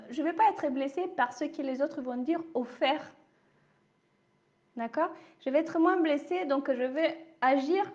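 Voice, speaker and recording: A woman with a high voice and a slight accent gives a live coaching talk. She reassures her listeners and answers them by name, often asking if they follow. The sound is a little dull and lo-fi. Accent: non-native French accent. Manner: reassuring, repeats "d'accord?", addresses viewers by name. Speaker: life coach and shamanism speaker. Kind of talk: live online talk answering viewer questions.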